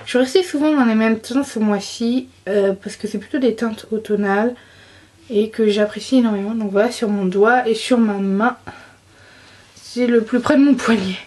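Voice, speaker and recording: Chatty young woman, fairly high voice. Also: normal speed, darkish tone. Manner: chatty, enthusiastic, many fillers and restarts. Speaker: beauty vlogger. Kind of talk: casual monthly favorites chat.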